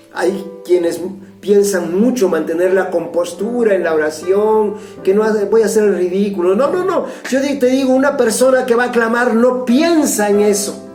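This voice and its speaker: A man's voice: sits high, darkish tone, reverberant. A man with a Mexican Spanish accent preaching a fervent, urgent sermon as pastor.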